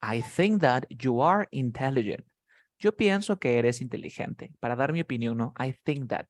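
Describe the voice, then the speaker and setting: In a live online class for beginners, a man teaches English, patiently drilling words and calling on students by name one at a time. His medium-pitched voice is animated at normal speed and sounds close and dry, with no room echo.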